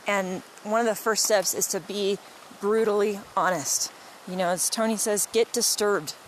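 Chatty mom vlogging by a creek. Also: female voice, medium pitch, fairly even intonation, normal speed, a little hiss or hum. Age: adult mother of young kids. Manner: chatty, encouraging, talks directly to viewers. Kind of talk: casual motivational vlog. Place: outdoors by a creek in the woods.

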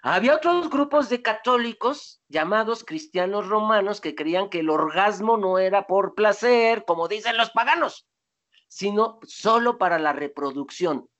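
A speaker lecturing to an audience in a loose, conversational way. The voice sits at a middling pitch and rises and falls widely, and key words are drawn out slowly for weight. Rhetorical questions come often and get answered right away. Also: lo-fi sound. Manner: animated, digressive, asks rhetorical questions and answers them.

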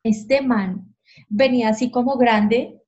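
As a podcast guest, a woman with a mellow, somewhat high voice tells her stories slowly with fairly even intonation. Her storytelling is candid and animated, and she acts out the voices of people she quotes. The recording has a dull, lo-fi sound.

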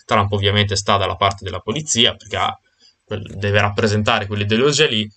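A man's voice: lowish voice, fairly even intonation, brisk, sharp tone. A man leading a casual group discussion over a video call, thinking aloud with fillers and restarts.

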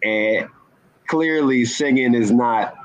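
A man speaking as a guest in an inspirational talk, earnest and measured, stressing key words. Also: mid-range voice, low-quality recording. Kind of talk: inspirational talk-show conversation.

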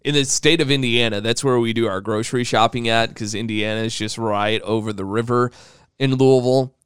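A man's voice: medium pitch, steady tone, a little fast, fairly bright tone, smooth, dry recording, studio quality. A man, co-hosting a podcast in casual, joking chat. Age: 20s. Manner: joking, teasing. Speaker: podcast co-host.

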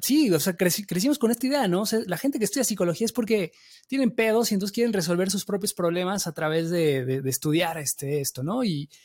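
A man's voice: high voice, fast talker, a little mellow. A man in his thirties with a Mexican accent, hosting a podcast in a casual, slangy way full of fillers. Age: 30s. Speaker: podcast host. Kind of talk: casual interview talk.

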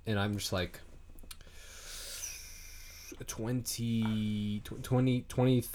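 Laid-back, low-voiced young man. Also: fairly even intonation, takes it slowly, a little mellow, a little hiss or hum. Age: 20s. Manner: rambling, swears a lot, many fillers. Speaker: podcast co-host. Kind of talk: casual chat.

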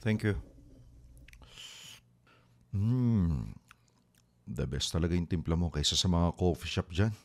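An actor playing an affectionate, teasing boyfriend in a radio drama, playful and quick to laugh. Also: male voice, low-pitched, expressive, exaggerated voice. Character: affectionate teasing boyfriend, a few years older.

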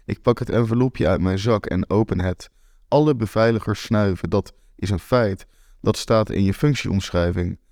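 A man's voice: fairly low pitch, moderate pace, darkish tone, no room sound, studio quality. A man reading a first-person story as an anxious, racing inner monologue.

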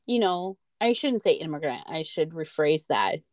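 Recorded dry, a US woman with a low, darkish voice co-hosts a podcast at a moderate pace, sounding very animated. She rambles and stresses her points, swearing freely in casual conversation.

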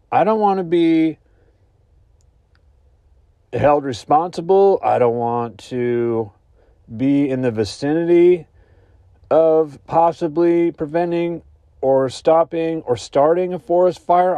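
A man hosting a comedy podcast, ranting in a deadpan, mock-earnest way with sudden high-pitched outbursts. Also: no room sound. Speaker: podcast host. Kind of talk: comedic mock-anxious rant.

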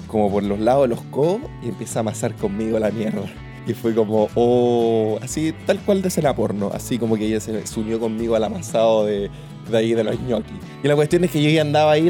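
A man's voice: medium pitch, mellow. A young Chilean man hosting a podcast, telling a personal story in a crude, rambling way full of slang, repeats and restarts. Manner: repeats words and restarts often. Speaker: podcast host.

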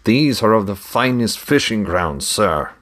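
A man's voice: lowish voice, animated, measured pace, a bit bright, breathy edge, voice pushed up, full character voice. Man doing a pleading fish trader. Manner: pleading, persuasive.

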